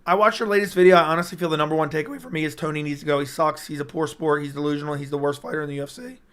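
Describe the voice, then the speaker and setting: On a personal streaming mic, a young MMA YouTuber rambles through a casual livestream, hyped up and reading comments straight to chat. His voice sits on the high side with a steady, fairly bright and clean tone, delivered rapid-fire. Strain makes it cut in and out.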